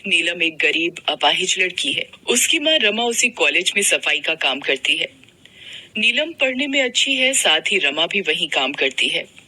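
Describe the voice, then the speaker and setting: A woman narrating a moral story for a cartoon in an expressive, melodramatic reading. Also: fairly low pitch, normal speed, slightly rough, rough recording.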